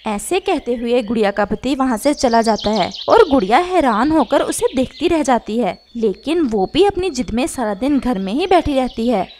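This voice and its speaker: A woman's voice: on the high side, lively intonation, normal speed, hardly any pauses, darkish tone, a little hiss or hum. A woman narrating a children's cartoon story.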